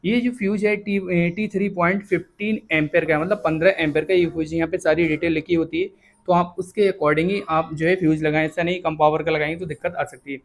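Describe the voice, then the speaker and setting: A man teaching a step-by-step repair, explaining each check plainly and often pausing to confirm with the viewer. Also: a little high, fairly even intonation, gravelly. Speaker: repair instructor. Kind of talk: hands-on repair tutorial.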